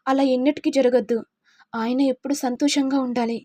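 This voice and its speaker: A woman's voice: sits high, steady tone, normal speed, warm tone, dry recording. Tearful devoted young wife, as a woman reads her. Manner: pleading, tearful.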